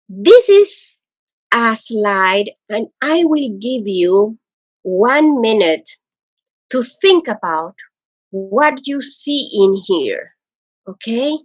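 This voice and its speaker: Slow, hesitant woman from Ecuador. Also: mid-range voice, no room sound. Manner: slow, hesitant, repeats and restarts phrases. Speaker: webinar presenter, languages coach. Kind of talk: teacher webinar presentation. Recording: dull, lo-fi webinar audio.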